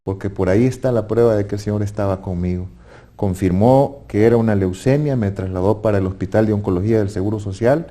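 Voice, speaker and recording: Man, Salvadoran accent, earnest testimony, warm dark tone, slight hesitant restarts. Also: on the low side, fairly even intonation, fast talker. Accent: Salvadoran Spanish. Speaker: guest giving a testimony. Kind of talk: personal faith testimony.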